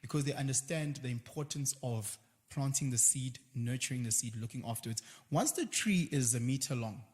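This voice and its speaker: A South African man talking in a casual conversation as a guest, animated and slipping into quoted voices now and then. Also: medium pitch, fairly quick, big-room sound.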